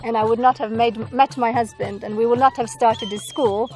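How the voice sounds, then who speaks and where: A woman speaks in a somewhat high voice, explaining things earnestly and steadily. She is being interviewed for a documentary, and soft music plays faintly underneath. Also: fairly even intonation, moderate pace. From Norway. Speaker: school director and doctor.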